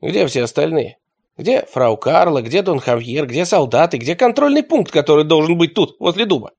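A hoarse, haughty bandit chief barks demands and orders, as a man puts him on. The voice swings widely in pitch in a storybook reading. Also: sing-song, moderate pace, darkish tone, exaggerated voice. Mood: demanding.

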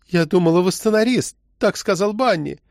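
A man's voice: high-pitched, slow, no room sound, clean studio sound, voice pushed up. A male narrator voicing a frightened young woman of about twenty who turns defiant. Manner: tense, pleading, raised voice.

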